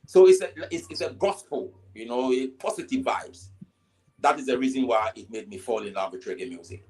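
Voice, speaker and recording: A man's voice: medium pitch, brisk, a little mellow, poor audio. A Ghanaian man with a Ghanaian accent, a reggae artist answering interview questions in a casual way, often saying "you know" and stumbling over repeated words.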